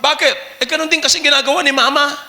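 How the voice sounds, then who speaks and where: A male pastor with a Filipino accent preaching an animated sermon, mixing Filipino and English and rising to shouts. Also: extremely high pitch, fast, noisy background.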